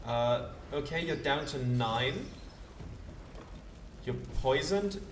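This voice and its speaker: A man's voice: mid-range voice, lively intonation, takes it slowly, heavy background noise. A man hosting a let's play with casual commentary, thinking aloud and talking to the game's characters. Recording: roomy distant voice under loud game music.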